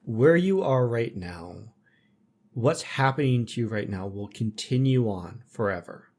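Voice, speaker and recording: Husky-voiced guy hosting a podcast, calm and reflective, short sentences. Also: mid-range voice. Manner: measured and reflective, speaks in short statements. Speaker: podcast host. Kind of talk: casual chat.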